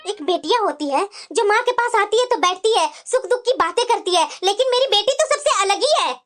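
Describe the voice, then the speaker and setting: A woman voicing a sharp-tongued older mother-in-law who scolds and complains in a cartoon family drama. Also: very high-pitched, animated, a little fast. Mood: complaining.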